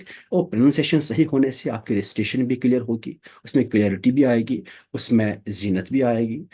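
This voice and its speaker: Male religious teacher, mellow raspy tone, patient explainer. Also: medium pitch. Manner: explains patiently, checks understanding with "theek?". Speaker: Tajweed teacher. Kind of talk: Quran recitation lesson, Urdu mixed with English.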